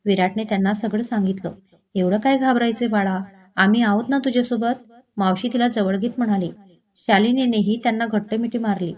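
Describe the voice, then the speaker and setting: A woman storyteller reading a romantic story in steady, expressive storybook narration. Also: a little high.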